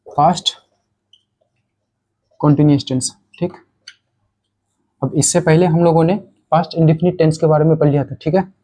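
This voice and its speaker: Indian man, english teacher, mellow tone, slightly high voice, repeats terms, stretches key phrases slowly. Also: steady tone, low-quality recording. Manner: explanatory, repeats key terms, checks with "theek hai?". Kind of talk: spoken English lesson.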